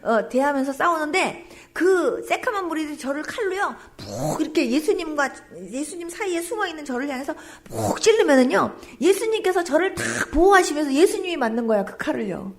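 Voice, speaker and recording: A woman's voice: high-pitched, big pitch swings, brisk, hardly any pauses. A woman pastor giving an emotional testimony sermon, telling her story with exclamations and dropping at times to a whisper.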